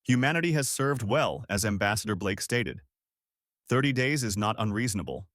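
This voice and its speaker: A man's voice: lowish voice, animated, fairly bright tone, no echo, studio quality. A man voicing a stern, formal four-armed male alien council leader in a sci-fi audiobook. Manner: measured, formal, growing hard.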